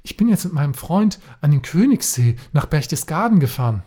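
A man's voice: a little high, big pitch swings, brisk, dark tone, husky. A man co-hosting a podcast, reading jokes aloud in casual chat and often cracking up while telling them. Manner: reads jokes aloud, often breaking into laughter. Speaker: podcast co-host.

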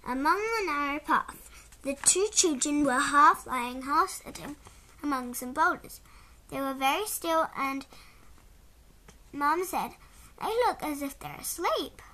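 A woman narrating a children's storybook in a measured, clear way. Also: high voice, bright, forceful tone.

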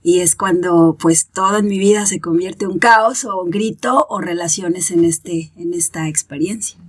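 A woman's voice: on the low side, husky. A woman, a parenting expert explaining her ideas in a podcast conversation and acting out examples in quoted voices.

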